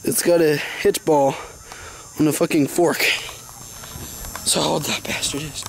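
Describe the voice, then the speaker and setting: A man's voice: on the high side, steady tone, a little slow, creaky, rough recording. A young man chatting crudely and jokingly while hiking outdoors by a lake, filmed on a handheld camera, a bit out of breath. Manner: crude, joking, swears a lot. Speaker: vlogger. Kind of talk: casual chat while hiking. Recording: outdoor camera audio with noise.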